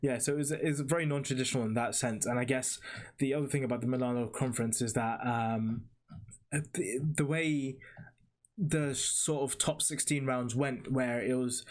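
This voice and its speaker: A man co-hosting a casual podcast chat. He talks at an ordinary middle pitch and explains things at length, with plenty of ums and restarts. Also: steady tone, normal speed. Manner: chatty, explains at length with fillers. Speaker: podcast co-host.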